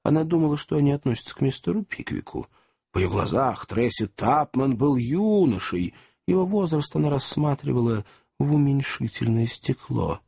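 A male audiobook narrator with a gravelly, husky voice. He reads in scripted narration with lively, sweeping pitch and gives every character a voice of their own, recorded close and dry. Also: normal speed. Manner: expressive reading, voicing every character.

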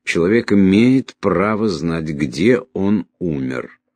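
A man's voice: deep voice, lively intonation, slow, a little mellow, no room sound, voice pushed up, full character voice. A man voicing a deranged, dying young man who rambles in a raised, agitated voice. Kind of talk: audiobook character voice.

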